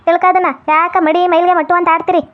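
A woman's voice: very high-pitched, little pitch movement, fast talker. A woman voicing a teenage granddaughter in college who complains and tattles, in a comedy skit. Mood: complaining. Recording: tinny phone-like sound.

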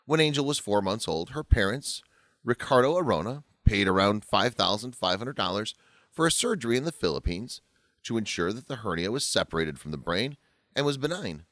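Lively low-voiced male narrator, dry sound. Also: a little fast, no echo. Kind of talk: scripted narration.

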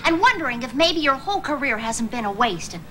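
An actress playing a sugary, condescending office secretary in a sitcom. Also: female voice, sits high, big pitch swings, brisk, a little hiss or hum. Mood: syrupy. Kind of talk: sitcom acting. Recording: sitcom audio with loud studio audience laughter.

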